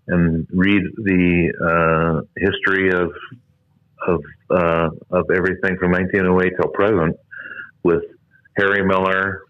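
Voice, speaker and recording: A man's voice: low voice, no echo. An older man in his seventies, a retired engine builder, recalls his career over a bad phone connection that sounds glitchy and muffled. He rambles with many fillers and trailing asides. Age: 70s. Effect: muffled glitchy phone line from a bad connection. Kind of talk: phone interview recollection. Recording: dull lo-fi phone call audio.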